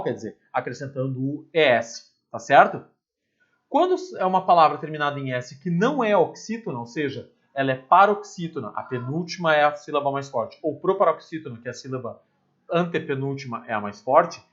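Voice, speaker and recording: A man's voice: medium pitch, a bit bright, highs cut off. A male teacher explains grammar in a chatty way, asking rhetorical questions and dropping asides. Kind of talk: recorded grammar lesson.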